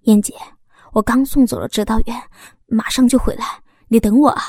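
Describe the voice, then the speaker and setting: A woman's voice: on the high side, fairly even intonation, normal speed, dark tone, slightly rough, dry recording, clean studio sound. A woman voicing an earnest, lovestruck young man who stammers urgently in an audiobook. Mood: eager. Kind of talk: audiobook character voice.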